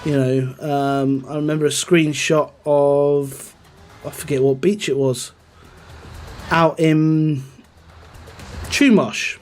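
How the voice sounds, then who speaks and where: A man's voice: a little high, steady tone, takes it slowly, long pauses, darkish tone, faint music behind. A man chatting casually on a gaming live stream, rambling and answering his chat.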